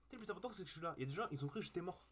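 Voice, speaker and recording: A man's voice: sits high, animated, very fast, fairly bright tone. A young man hosting a reaction video, chatting casually to his viewers in slang and swearing freely into a cheap webcam mic.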